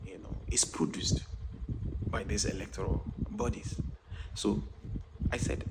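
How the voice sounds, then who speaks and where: A man's voice: sits low, gravelly. A young man, speaking earnestly and reflectively as a content creator, often saying "you know" and "and all of that". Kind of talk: direct-to-camera monologue. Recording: loud background noise.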